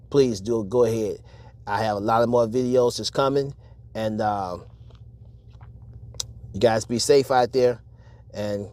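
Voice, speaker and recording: A man in his fifties, a truck driver and channel host, talking candidly to viewers in a casual advice vlog, repeating himself for emphasis with many pauses and fillers. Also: fairly low pitch, darkish tone. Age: 50s.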